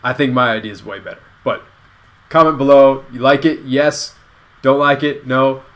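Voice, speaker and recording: A man hosting a casual online show, pitching a movie idea in a rambling, self-correcting way. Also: steady tone, normal speed. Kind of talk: casual comedic chat.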